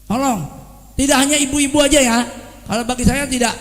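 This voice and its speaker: A man's voice: very high voice, steady tone, fairly quick, a bit bright. A man preaching a sermon to his congregation, speaking to them directly and acting out gossip in quoted voices. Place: worship hall. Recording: long hall reverb.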